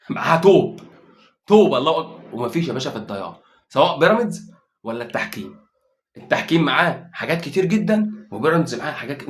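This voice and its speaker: A man with an Egyptian Arabic accent giving a casual, excitable football commentary as a fan vlogger, repeating phrases for emphasis. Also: on the high side.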